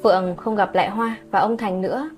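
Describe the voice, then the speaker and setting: A woman narrating a scripted late-night story calmly and evenly as the channel's host. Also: mid-range voice, a little fast, faint music behind.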